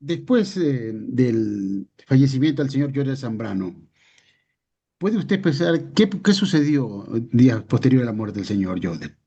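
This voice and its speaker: A man's voice: medium pitch, big pitch swings, measured pace, dark tone, slightly rough, highs cut off, heavily acted. A man playing a lawyer in a mock trial, asking a witness formal questions with hesitant filler sounds. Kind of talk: courtroom role-play, formal questioning.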